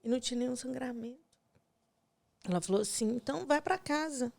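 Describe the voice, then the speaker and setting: A woman's voice: high voice, fairly quick, creaky. Tearful woman telling a painful story. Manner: retells scenes with quoted dialogue, voice breaking softly. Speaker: podcast guest. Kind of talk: emotional personal storytelling.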